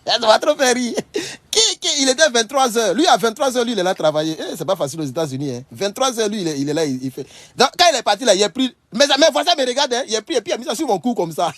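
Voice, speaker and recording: A man with a fairly high voice tells stories and comments loosely and animatedly for his online followers, repeating the same phrases and laughing often. The recording is dry and close.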